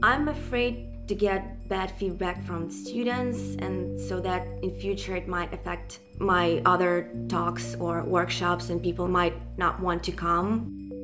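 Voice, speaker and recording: A woman's voice: on the low side, little pitch movement, takes it slowly. Earnest woman photographer from Ukraine. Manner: earnest, open about her nerves. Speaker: conceptual photographer. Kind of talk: casual documentary interview. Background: music.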